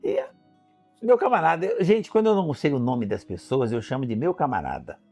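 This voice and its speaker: A man's voice: a little high, very animated, a little fast, darkish tone, faint music behind. A middle-aged Brazilian man, an entrepreneur, telling a heartfelt personal story with emotion and acting out remembered conversations. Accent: Brazilian Portuguese. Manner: emotional, acts out remembered dialogue.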